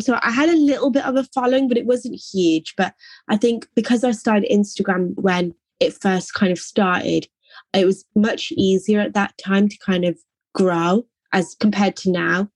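"Like" and "I think" come up often as this young English artist answers an interviewer in a gentle, thoughtful way. Her voice is medium-pitched and creaky, with no echo.

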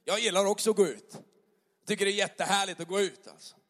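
A man preaching a conversational sermon, chatty and full of acted-out little dialogues. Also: sits high. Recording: long hall reverb.

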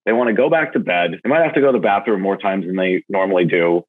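A man with a low, husky voice speaks casually as an interview guest. He tells animated stories, and his pitch leaps up when he gets excited. The audio is thin and narrow, like a phone call. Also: fast talker. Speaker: podcast guest, event marketer.

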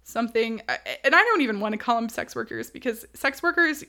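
A woman co-hosting a casual podcast, telling history quickly and animatedly with asides and laughs. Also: on the high side, lively intonation, pushed and bright. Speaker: podcast co-host.

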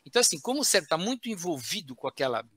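A man's voice: a little high, big pitch swings, rapid-fire, background noise. A man, a guest expert explaining how to handle emotions in a chat show, teaching step by step with frequent tag questions. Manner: didactic, with frequent "né?" tags and restarts.

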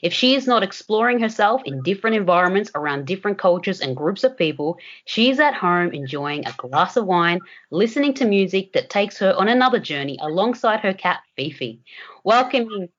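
A woman hosting a podcast, reading a measured prepared introduction and asking her guest questions. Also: medium pitch, sing-song, lo-fi sound. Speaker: podcast host.

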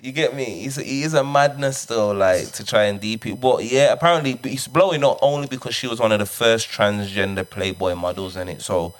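A man's voice: mid-range voice, brisk, few pauses. A man with a London roadman accent, telling a story casually in street slang. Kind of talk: casual group chat.

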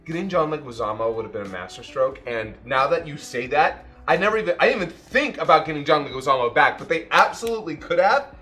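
A man's voice: a little high, lively intonation, fast, hardly any pauses, sharp tone, soft background music. A man co-hosting a podcast in casual chat, opinionated and emphatic, often restarting his sentences. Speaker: podcast co-host.

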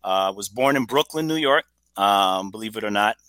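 A man's voice: fairly low pitch, lively intonation, normal speed, bright, forceful tone, no room sound. A man in his forties from Trinidad and Tobago, a guest telling his story in an upbeat, chatty way. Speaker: podcast guest, entrepreneur. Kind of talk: casual interview storytelling.

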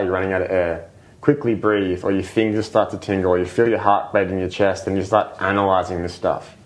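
A man, a breathwork coach, explaining things patiently as a podcast guest, with lots of fillers and "right?" checks. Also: low-pitched. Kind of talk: casual explanatory interview talk.

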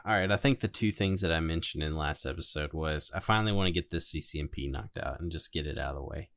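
A man's voice: very deep voice, quick pace, gravelly, fairly bright tone. A man talking casually as a panelist on a podcast about his study plans.

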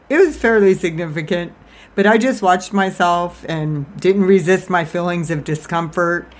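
A woman life coach giving an informal, confessional personal monologue, talking out of one side of her mouth with a self-deprecating manner. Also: deep voice. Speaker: life coach and podcast host.

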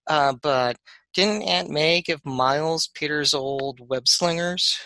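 Podcast guy, raspy gravelly bright voice, lots of false starts, dry sound. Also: fairly high pitch, no echo, low-quality recording. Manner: halting, stammering restarts. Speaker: podcast co-host, attorney. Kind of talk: casual podcast chat.

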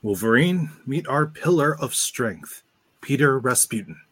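A man acting a composed, fatherly professor and mentor with a husky voice in a live radio play. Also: medium pitch, lively intonation, measured pace, fairly bright tone, no room sound.

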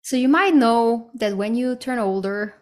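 A woman in her thirties hosts a reflective solo podcast, speaking at a measured pace in a fairly high voice. She's candid and casual, swears now and then, and leans heavily on "like" and "right?".

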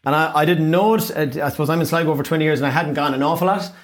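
A man's voice: on the high side, rapid-fire. A middle-aged man with a west of Ireland accent hosting a local radio show, rambling casually through the papers in a chatty, encouraging way. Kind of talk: casual paper review chat.

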